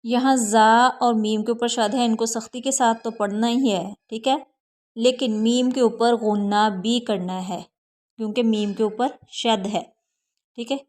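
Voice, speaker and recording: Slow-spelling woman Quran teacher. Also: fairly high pitch, steady tone, a little mellow. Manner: spells out letters slowly, then explains quickly. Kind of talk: slow syllable-by-syllable recitation lesson.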